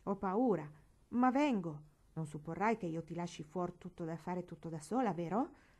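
A woman's voice: medium pitch, lively intonation, normal speed, dark tone. A woman voicing an eager, mischievous boy in a storybook reading, with rising, exclaiming speech. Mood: defiant.

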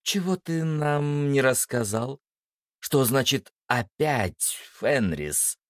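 A man's voice: medium pitch, expressive, slow pace, fairly bright tone, no room sound, studio quality, voice pushed up. A man voicing a fierce young woman in an audiobook, hissing and scolding sharply. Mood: angry. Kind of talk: audiobook character voice.

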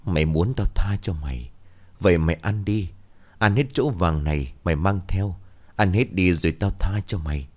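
A man's voice: sits low, normal speed, a little mellow. A man voicing the vengeful ghost of a young woman, speaking in a cold, threatening, commanding way in a narrated horror story. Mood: taunting.

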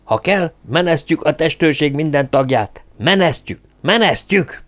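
A man's voice: medium pitch, fairly even intonation, clear, resonant tone, voice pushed up, lightly acted. A man voicing a frightened, fretful male official who stammers and turns near-hysterical. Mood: panicky. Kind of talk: audiobook character voice.

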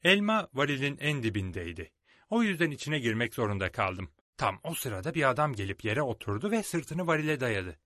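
Lively, expressive male storyteller. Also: mid-range voice, fairly quick, no room sound, clean studio sound. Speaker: narrator. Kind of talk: storybook read-aloud.

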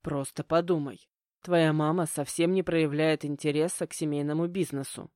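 A man's voice: on the high side, fairly even intonation, moderate pace, darkish tone, no room sound, clean studio sound, lightly acted. A woman voicing a stern middle-aged stepfather who lectures curtly. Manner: curt, lecturing.

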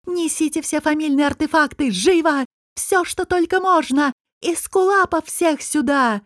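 A woman's voice: a little high, a little slow, a little mellow, dry recording, studio quality. A woman voicing a proud northern queen in desperation, urgent and commanding. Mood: frantic.

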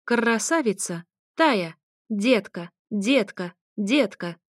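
A brash male parrot yells in shrill, repeated squawks, high and loud, as a woman reading the story puts him on. The storybook voice is close and dry, with no room around it. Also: expressive, slow, no room sound. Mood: squawking.

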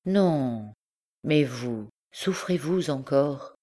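A woman's voice: a bass voice, animated, drawn-out words, dark tone, exaggerated voice. A woman reading an audiobook voices an earnest, emotional young man in love, in her own plain voice. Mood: pleading.

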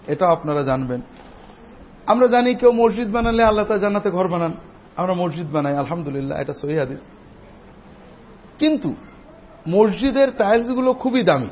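A man giving a Friday sermon as imam in a mosque, speaking straight to the congregation after a slow chanted Arabic opening. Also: high voice, very animated. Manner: teaching, addressing the congregation directly. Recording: dull lo-fi recording with faint noise.

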